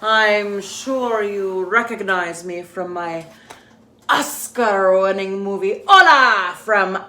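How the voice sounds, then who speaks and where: A woman's voice: mid-range voice, takes it slowly, pushed and bright, echoey room. A woman playing a vain, theatrical female movie star who gushes and dramatizes as she teaches a children's lesson. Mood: grand. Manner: grandiose, dramatic, fake-weepy and gushing. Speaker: children's lesson presenter in character.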